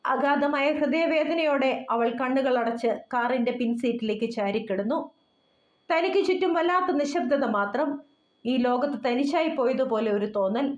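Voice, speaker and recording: High-voiced woman narrating a story. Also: normal speed. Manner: emotive storytelling. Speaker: audio novel narrator. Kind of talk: scripted narration. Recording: roomy, dull lo-fi.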